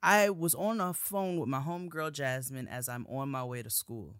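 A woman's voice: very deep voice, moderate pace, smooth, dry recording, clean studio sound. A young woman, a podcast co-host and student, telling a story in a casual chat with emphatic, profane bursts.

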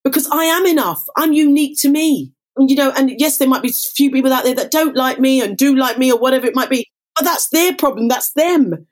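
Brief: woman life coach guest, slightly high voice, emphatic and motivational. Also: quick pace. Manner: emphatic and motivational, using catchphrases. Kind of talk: casual conversation.

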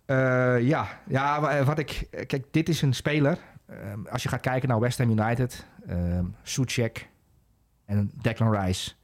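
Male football pundit, casual podcast, hesitant with lots of "eh", mid pitch. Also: a little slow. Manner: hesitant, many fillers and restarts. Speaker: football analyst.

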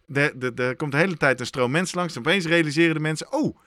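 Bright-voiced man telling a lively story. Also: fairly high pitch, quick pace, no echo, clean studio sound. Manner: animated storyteller acting out his own thoughts. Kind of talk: casual chat, storytelling.

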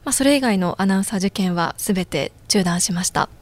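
A woman in her twenties, a guest on a podcast interview, telling her story in a measured way with many small fillers. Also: mid-range voice, expressive. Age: 20s. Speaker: guest job seeker.

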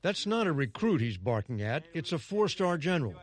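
A man's voice: fairly high pitch, big pitch swings, fairly quick. A man with an American accent reading scripted narration for a broadcast news report. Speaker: news correspondent.

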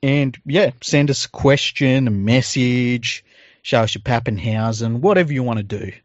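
Low-voiced Australian man, dry muffled sound. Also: moderate pace, no echo. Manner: jokey, informal. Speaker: podcast co-host. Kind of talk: casual podcast chat with informal ad reads.

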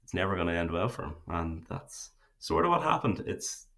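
A man's voice: low-pitched, sing-song, normal speed, gravelly, a bit bright. An Irish man giving casual sports analysis on a podcast.

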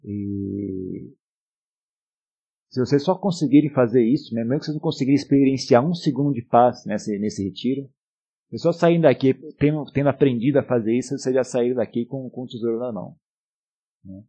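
A man with a Brazilian accent, teaching meditation in a gently coaxing, unscripted way with frequent short tag questions. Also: mid-range voice, a little fast, breathy edge, muffled recording. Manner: unscripted, gently coaxing, often seeking agreement with short tags. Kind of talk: spoken talk and guided meditation instruction.

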